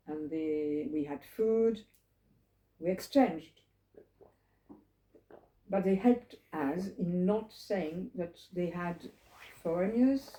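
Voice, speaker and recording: This elderly French woman has a mellow, medium-pitched voice. A Holocaust survivor, she recounts her experiences to a few people gathered in a roomy living room, musing, drifting between topics, and putting questions to them.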